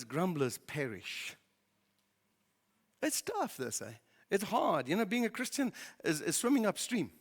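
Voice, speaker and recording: A man preaching a sermon as pastor, in a lively conversational way with many fillers. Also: fairly high pitch. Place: barn church hall. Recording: reverberant church hall.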